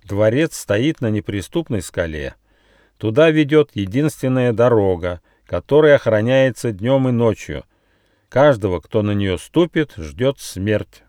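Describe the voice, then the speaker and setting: A man's voice: fairly low pitch, very animated, unhurried, a little mellow, dry recording, clean studio sound, distant mic. A man voicing a stern, solemn female kangaroo who leads the natives. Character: grumpy female kangaroo leader.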